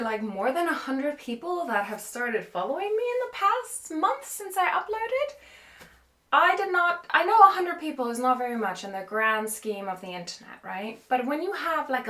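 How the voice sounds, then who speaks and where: A woman hosting her own show in casual, chatty talk, filming herself on a phone camera inside an old cottage. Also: high voice. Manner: chatty, animated, self-deprecating. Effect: recorded on a phone camera. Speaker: podcast host. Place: room in an old country cottage, indoors. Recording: echoey room on a phone.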